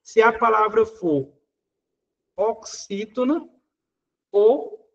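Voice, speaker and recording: A man's voice: high-pitched, expressive, unhurried, highs cut off. A Brazilian Portuguese man teaching, working through exam questions in a casual, conversational way, full of little fillers.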